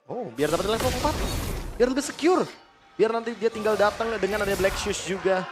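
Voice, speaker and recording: Male esports analyst, Indonesian accent, high pitch, quick analytical commentary with music underneath. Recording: music behind the voice.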